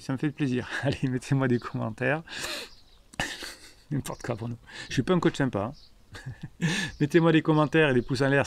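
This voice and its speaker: A man's voice: medium pitch, a little mellow. A man with a French accent, a relationship coach reading viewers' comments live and answering them in an emphatic, playfully scolding way.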